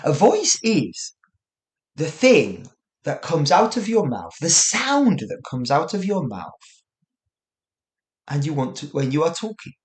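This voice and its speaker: A man's voice: fairly high pitch, huge pitch swings, slow, pauses often. A man hosting an English lesson podcast, playful and theatrical, humming little sound effects between points. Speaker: English teacher and podcast host.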